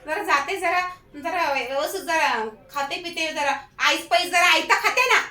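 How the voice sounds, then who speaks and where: A woman's voice: extremely high pitch, moderate pace, sharp tone, echoey room. A woman playing a suspicious, stubborn wife in a comic skit. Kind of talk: comic sketch acting.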